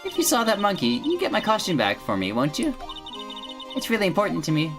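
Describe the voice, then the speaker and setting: A woman's voice: mid-range voice, huge pitch swings, fast talker, pitched above the performer's own voice. A woman voicing an innocent, childlike, cheerful young female animal tamer in a playful, girlish way for a video game playthrough. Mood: pouty, eager. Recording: background music behind the voice.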